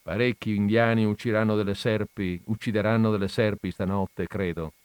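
A man reading a story aloud, voicing a calm farmer and father with a dry, unhurried way of speaking. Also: on the low side, clean tone, no echo, lightly acted.

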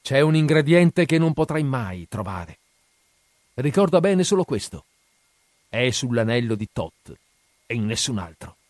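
A man voicing a frenzied, gleeful old Egyptian priest who speaks in a loud, exalted, hysterical way in a dramatic audiobook reading. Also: medium pitch, sing-song, a little slow, pauses often, no room sound, studio quality.

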